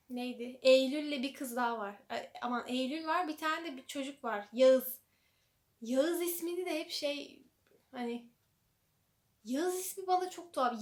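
Chatty high-voiced young woman vlogger. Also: a bit bright. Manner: chatty, lots of fillers, acts out quoted lines. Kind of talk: casual chat.

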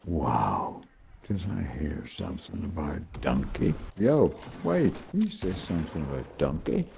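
A man's voice: extremely low pitch, sing-song, measured pace, vocal fry, noisy background. A man chatting casually and jokingly with friends while recording gameplay. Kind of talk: casual joking gaming banter.

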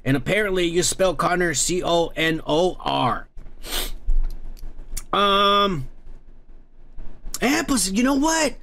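This American podcaster's voice sits high, sharp and creaky, and he speaks slowly and expressively with long pauses. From a dim room at home, he rambles through viewer comments, swearing often and using many fillers.

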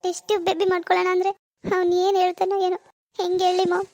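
A woman's voice: very high-pitched, monotone, rapid-fire, darkish tone, no room sound, studio quality. A woman voicing a tearful young married daughter in a cartoon, complaining and full of self-pity. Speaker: grieving daughter. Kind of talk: cartoon voice acting.

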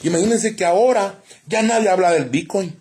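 Husky, ranting man. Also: high-pitched, a little fast, darkish tone. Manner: preachy, insulting, prophetic ranting. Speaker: live streamer. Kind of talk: ranting live-stream monologue.

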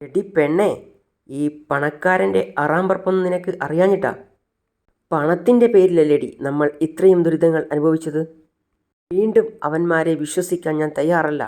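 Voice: mid-range voice, normal speed, darkish tone, natural voice. A domineering Malayali mother lays down the law, scolding and threatening, voiced by a storyteller retelling a serial. She runs the household with a hard, bossy edge. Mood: scornful. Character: stern, domineering mother of the family.

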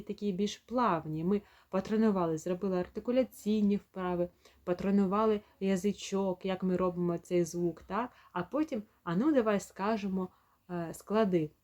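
Woman teaching kids' speech sounds at home, slow clear demos, plain mid voice. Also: mid-range voice, darkish tone. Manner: demonstrates sounds slowly and clearly. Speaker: speech therapist.

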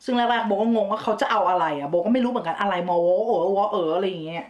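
A woman's voice: mid-range voice, very fast. A woman from Thailand hosting a vlog, explaining words in a chatty way with English words mixed in and giggly asides. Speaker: vlog host. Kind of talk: casual explainer chat.

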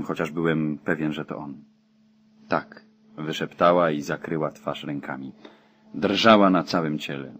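A man reading a novel aloud as an audiobook narrator, in a steady, even way. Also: low-pitched, husky. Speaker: audiobook reader.

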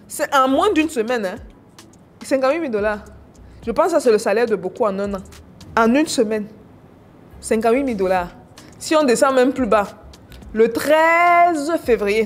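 A woman business coach walking viewers through products on screen in a casual, teasing, exclamatory way. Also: on the high side. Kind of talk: casual screen-share teaching.

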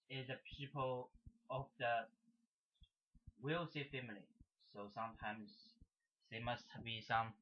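In a mid-range voice, a young Shanghai-born amateur painter whose native tongue is Mandarin gives a casual, rambling demonstration of his work to camera. His English is broken, halting and repetitive, carrying a Chinese accent, and the small indoor room is recorded with dull, lo-fi webcam audio.

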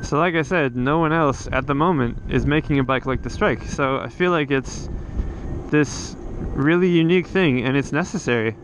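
A motovlogger with a mid-range voice talks at a moderate pace while riding his motorcycle along a coastal road, filmed on a helmet camera. His casual monologue rambles, full of restarts and fillers. The recording is rough, with a little hiss or hum.

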